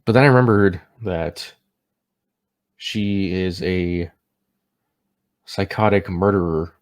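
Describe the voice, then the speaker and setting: Tipsy guy w a deep voice doing a casual movie review, kinda stumbling over his words. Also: slow, smooth.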